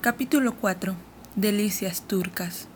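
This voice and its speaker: A woman narrating a children's fantasy audiobook in a steady, measured reading voice. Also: medium pitch, slight background noise. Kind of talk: scripted storybook narration.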